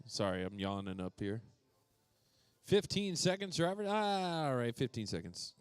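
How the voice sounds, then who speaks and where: A man's voice: mid-range voice, big pitch swings, normal speed, clean tone, no room sound. A man doing playful live commentary at an indoor RC racetrack, calling out drivers by name. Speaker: RC race announcer.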